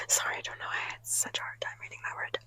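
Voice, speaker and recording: A woman's voice: brisk, pushed and bright, rough recording. A woman, a mother with young children, whispering through an ASMR question list in a chatty, rambling, easily flustered way from inside a parked car. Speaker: ASMR creator. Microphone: phone.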